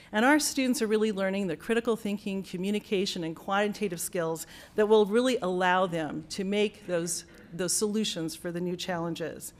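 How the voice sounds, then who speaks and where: Woman giving a grateful dedication speech. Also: medium pitch. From United States. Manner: earnest, grateful, with frequent fillers and restarts. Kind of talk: formal ceremony speech. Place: university auditorium.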